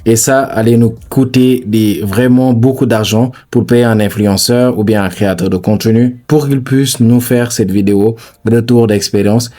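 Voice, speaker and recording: A man hosting a screen-recorded software tutorial, talking chattily to viewers and filling his steps with stock phrases. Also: medium pitch, steady tone, moderate pace, hardly any pauses. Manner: chatty, repeats "bien sûr", addresses viewers as "les gars". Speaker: tutorial host.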